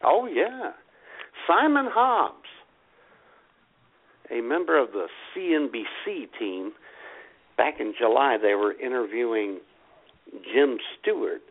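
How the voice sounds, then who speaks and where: A podcast co-host chats in a casual, jokey way on a comedy show, his animated voice coming through a tinny, phone-like recording. His pitch is medium, and he speaks slowly with frequent pauses.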